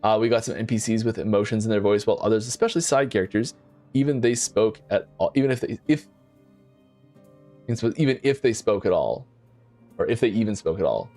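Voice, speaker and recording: A man hosting a casual developer Q&A stream while playing, talking in a lively way and often repeating words and restarting his sentences. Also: fairly low pitch, brisk, soft background music. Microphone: desk mic.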